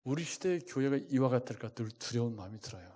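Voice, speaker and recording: A male pastor preaching a sermon, asking his congregation one rhetorical question after another and swinging his loudness for emphasis. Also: mid-range voice, fast. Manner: lively, shifting loudness for emphasis.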